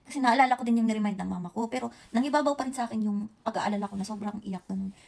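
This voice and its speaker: Halting Visayan woman with a gravelly voice. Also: on the high side, darkish tone. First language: Bisaya. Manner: halting, many restarts and self-corrections. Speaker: vlogger. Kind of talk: casual storytelling to viewers. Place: Japan.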